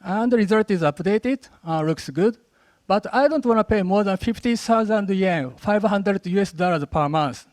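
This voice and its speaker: Casting: man, Japanese-accented English, high voice, dry sound, rushed lightning-talk presenter. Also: darkish tone, no room sound. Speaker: conference speaker. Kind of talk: lightning talk with live app demo. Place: conference stage.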